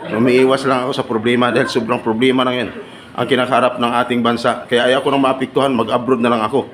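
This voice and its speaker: A man of medium pitch talks fast in a somewhat bright voice that barely rises or falls. He leads trainees through a live seminar with teasing banter and frequent requests for agreement, in a training room with echo and background noise.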